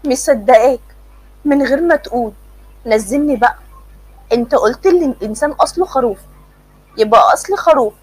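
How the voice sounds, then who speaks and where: A woman's voice: high-pitched, fast talker, long pauses, a little mellow, husky, low-quality recording. A woman voicing a frightened young woman who pleads and mocks. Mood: pleading. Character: scared young woman, pleading and sharp-tongued.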